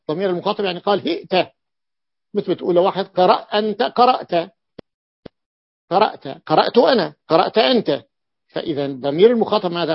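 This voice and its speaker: Gravelly man explaining grammar. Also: high-pitched, no echo. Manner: explains step by step, repeats key phrases. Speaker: sheikh teaching Arabic grammar. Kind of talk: classroom grammar lesson. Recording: dull, dry lo-fi recording.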